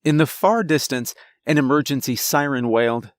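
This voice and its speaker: A man's voice: medium pitch, animated, no echo, studio quality. Man narrating a horror story. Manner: measured, dramatic storytelling.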